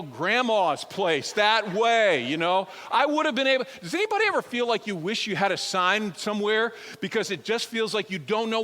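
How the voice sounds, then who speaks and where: A male pastor preaching a sermon to a church crowd, telling a personal story in an animated way and speaking straight to the listeners. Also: high-pitched. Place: church sanctuary. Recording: long hall reverb.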